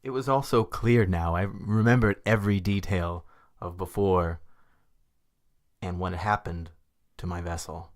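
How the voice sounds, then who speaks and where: Deadpan man improvising a story. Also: sits low, unhurried. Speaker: podcast co-host, improv storyteller.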